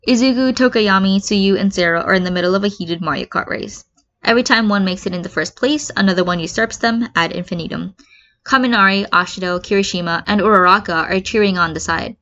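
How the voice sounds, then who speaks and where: An amateur narrator, a woman, reads a fan fiction story aloud with expression. She talks fairly quickly in a mid-range voice that's a bit bright. The audio is lo-fi and slightly muffled.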